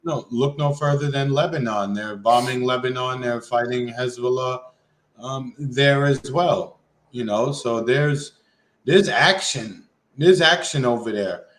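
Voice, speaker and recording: A man's voice: mid-range voice, measured pace, fairly bright tone, roomy sound, slight background noise. A man co-hosting a casual political talk, making wry, sarcastic points. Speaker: podcast co-host.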